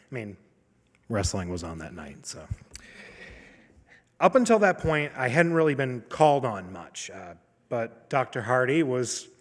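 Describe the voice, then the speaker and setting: A man in his thirties telling a personal story on stage, casual and self-deprecating with dramatic pauses. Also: medium pitch, a bit bright. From Maine. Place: opera house stage. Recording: long hall reverb.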